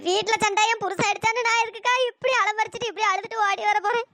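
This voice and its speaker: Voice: steady tone, fast, pushed and bright, full character voice. A tearful cartoon village woman. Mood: tearful, pleading. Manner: pleading, wailing, calls her elder "akka". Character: tearful young village woman, Otha Rosa, anxious messenger. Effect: pitch-shifted up. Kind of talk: cartoon voice acting.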